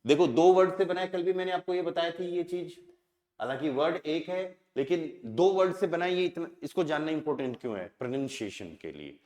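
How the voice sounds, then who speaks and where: A man's voice: fairly high pitch, expressive, a little fast, darkish tone, echoey room. A man with an Indian accent teaching a language class. He keeps asking the students questions and answering them himself. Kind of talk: classroom lesson.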